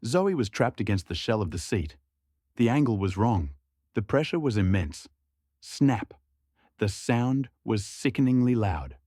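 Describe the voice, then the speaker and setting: Casting: male storyteller, low voice, dry close recording, measured delivery. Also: expressive, dark tone, no echo. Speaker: narrator. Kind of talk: scripted story narration.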